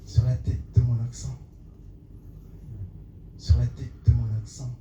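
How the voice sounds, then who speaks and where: A man's voice: medium pitch, completely flat delivery, unhurried. A man performing slam poetry on a small theatre stage before a live audience, declaiming in rhythmic lines with half-sung refrains and then chatting with the crowd. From Comoros. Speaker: slam poet. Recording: roomy, distant, noisy live room.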